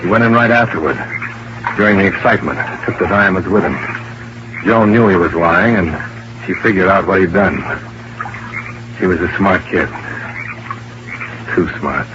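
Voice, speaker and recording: A man's voice: low voice, moderate pace, pauses often. An actor playing a hard-boiled male investigator in an old-time radio drama, narrating in terse, clipped first person. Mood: grim. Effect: old-time radio broadcast. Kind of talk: 1950s radio drama acting. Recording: muffled vintage radio broadcast with hiss.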